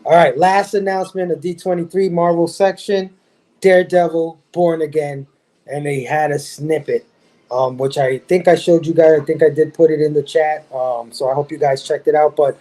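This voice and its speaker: A man's voice: a little high, fairly even intonation, normal speed, mellow. Laughing man hosting a pop culture stream. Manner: laughs often, hypes up the panel. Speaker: podcast host. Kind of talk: casual pop culture chat. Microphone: video call.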